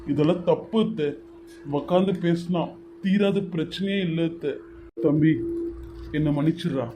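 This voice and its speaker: A man's voice: fairly high pitch, normal speed, music in the background, lightly acted. A man voicing a stubborn husband who firmly scolds his brother and defends his mother-in-law, in a homemade serial drama. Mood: consoling. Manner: firm, scolding.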